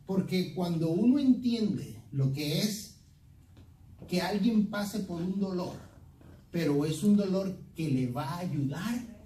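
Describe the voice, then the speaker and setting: A male pastor preaching an animated sermon, stammering through restarts and asking the congregation questions. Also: sits high. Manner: asks the congregation questions and has them repeat phrases. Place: church hall. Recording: roomy echo, speaker far from the mic, faint background noise.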